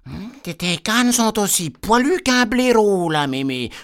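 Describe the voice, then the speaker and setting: A man's voice: sits high, big pitch swings, unhurried, fairly bright tone, pitched above the performer's own voice, heavily acted. A man voicing a naive little peasant girl, asking wondering questions.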